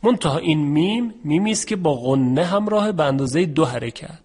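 A man teaching a Quran recitation lesson, explaining rules patiently and drawing out example words slowly. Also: on the high side, animated, darkish tone, slightly rough. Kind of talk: tajweed lesson.

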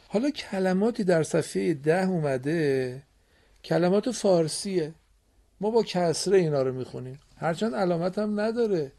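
A man's voice: on the high side, vocal fry, mellow. A man teaching Quran reading on a radio program in a studio, patiently quizzing and encouraging his students. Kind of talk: radio classroom lesson.

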